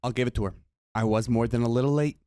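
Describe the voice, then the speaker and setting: A man's voice: medium pitch, fairly even intonation, fast, mellow, dry recording, studio quality. Exasperated young man telling a story. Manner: exasperated, rambling storytelling with repeated words and slang. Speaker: vlogger. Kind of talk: storytime vlog.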